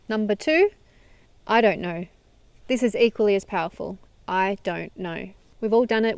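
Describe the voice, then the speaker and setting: Earnest woman with a smooth voice. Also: mid-range voice, dry recording. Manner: earnest, encouraging, conversational, with frequent soft laughs. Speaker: self-help video host. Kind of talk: direct-to-camera motivational talk.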